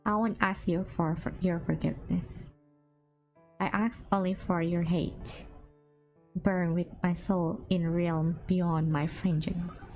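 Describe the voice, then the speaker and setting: A woman voicing a grim vengeful man during a live reading of game dialogue, slow and solemn. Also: on the low side, fairly even intonation, a little mellow, soft background music, low-quality recording.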